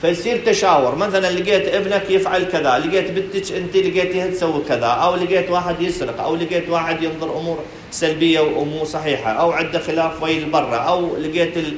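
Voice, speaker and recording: A man's voice: on the high side, fast talker, slight background noise. A man with an Iraqi Arabic accent, director of a counselling centre, giving a religious talk to an audience, asking rhetorical questions and addressing listeners directly. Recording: echoey room recording.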